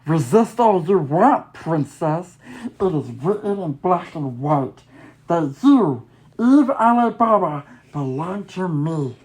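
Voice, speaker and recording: A woman's voice: lowish voice, big pitch swings, slow, a little mellow, slightly rough, exaggerated voice, low-quality recording. A woman voicing a smug, imperious male businessman suitor in a story game, taunting and possessive. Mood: domineering.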